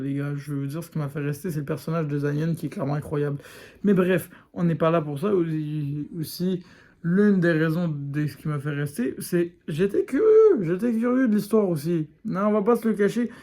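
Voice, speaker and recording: A man's voice: on the high side, darkish tone. A man giving a frank, casual video review, talking straight to his viewers with plenty of fillers. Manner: frank, addresses viewers directly as "les gars", lots of fillers. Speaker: YouTuber reviewing a series.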